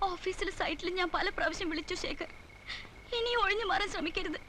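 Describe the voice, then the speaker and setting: A woman's voice: extremely high pitch, a little fast, pushed and bright, slight background noise, low-quality recording. An actress playing a deceived young woman who pleads tearfully, in an old film soundtrack. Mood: pleading.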